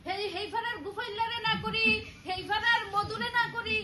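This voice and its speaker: A woman's voice: extremely high pitch, steady tone, brisk, a loud crowd. A woman playing a blunt, worried older village woman. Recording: echoey hall from far off, faint noise.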